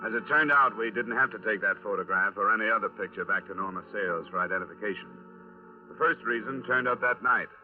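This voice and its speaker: In a 1950s radio crime drama, an actor plays a terse, matter-of-fact insurance investigator narrating his case. He speaks fast in a fairly low voice with a light touch of acting, and the restored narrow-band recording has faint music.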